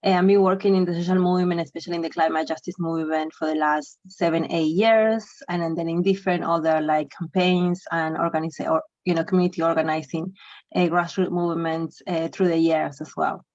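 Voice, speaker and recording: Lowish-voiced woman from Bolivia on a dry, muffled call. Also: steady tone, dry recording. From Bolivia, raised in Argentina. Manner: warm, grateful, rushed restarts. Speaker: panelist, climate activist. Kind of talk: casual introduction on a panel. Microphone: video call.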